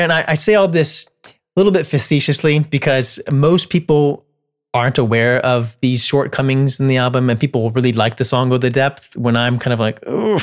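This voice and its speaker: A man in his thirties talks casually about writing songs, a composer who teaches. He thinks aloud and restarts his sentences often. Now and then he briefly sings a phrase to show what he means. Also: mid-range voice. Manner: thoughtful, many restarts, sings short melodic lines to illustrate. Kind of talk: casual explanatory talk.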